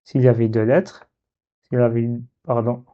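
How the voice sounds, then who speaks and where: A man's voice: medium pitch, steady tone, normal speed, dull audio. A man teaching a reading lesson, patient and step by step, drawing out each syllable as he sounds it. He speaks with a French accent.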